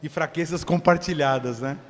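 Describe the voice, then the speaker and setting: Male pastor, sermon, conversational preaching, reverberant church hall. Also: medium pitch. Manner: conversational preaching, acts out voices of people.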